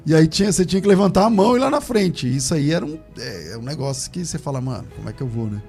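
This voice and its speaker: A man, a pastor, telling his conversion story in casual chat, animated and laughing as he acts out the voices of others. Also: fairly high pitch, very fast, faint music behind.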